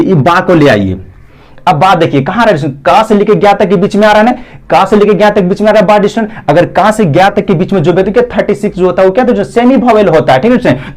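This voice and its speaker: A man's voice: fairly high pitch, darkish tone. A young man teaching an English grammar lesson, repeating his fillers and addressing the students again and again.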